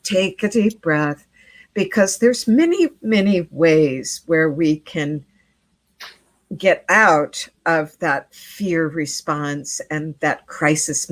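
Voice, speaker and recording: A middle-aged woman, a midwife appearing as an interview guest, tells a story earnestly and keeps repeating words along the way. Her voice is low-pitched and the recording has no echo.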